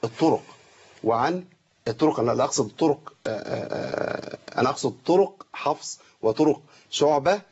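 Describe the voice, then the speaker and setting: A man with an Egyptian accent teaching Quran recitation, correcting students and slowly drawing out the recited words. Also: medium pitch, animated, a little mellow, slightly rough, muffled recording. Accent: Egyptian Arabic. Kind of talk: tajweed lesson with recited examples.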